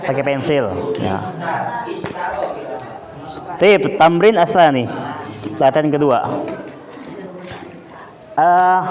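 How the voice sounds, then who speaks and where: Indonesian male teacher quizzing a class. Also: a little high. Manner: quizzing pupils, mixing Arabic drill phrases with Indonesian explanations. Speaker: Arabic teacher. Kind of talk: classroom lesson with student drills. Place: boarding school classroom. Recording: roomy classroom with pupils' chatter.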